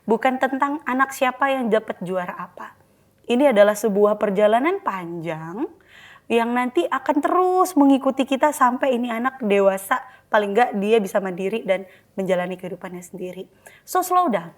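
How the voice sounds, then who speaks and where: Young woman, parenting guest, slightly high voice, conversational podcast advice, mixes in English phrases. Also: animated, moderate pace. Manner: mixes English phrases into speech, acts out parent-child dialogue.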